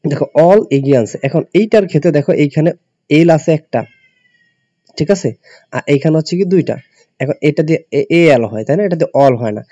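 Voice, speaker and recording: An expressive Bangladeshi teacher with a slightly high, mellow voice moves briskly through an English spelling lesson for admission students, leaving long pauses. Step by step, he spells out letters and keeps putting questions to his students, all on a dull, dry lo-fi recording.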